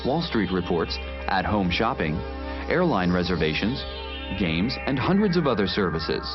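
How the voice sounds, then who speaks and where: A man's voice: sits low, big pitch swings, normal speed. An American man reading a scripted sponsor announcement. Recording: dull vintage TV audio. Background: music.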